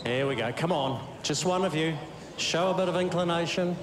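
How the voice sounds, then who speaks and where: A man's voice: on the high side, normal speed, a crowd in the background. A man with a New Zealand accent giving enthusiastic, exclamatory live commentary at an outdoor sports event. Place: outdoor arena in a city square. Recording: echoey outdoor public address, noisy, barking dogs.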